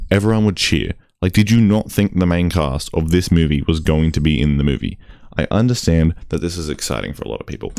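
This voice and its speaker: A man's voice: deep voice, darkish tone, no echo, clean studio sound. A young man, ranting casually in a vlog, exasperated and swearing often. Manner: exasperated, swears often, mimics crowd voices. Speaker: YouTuber.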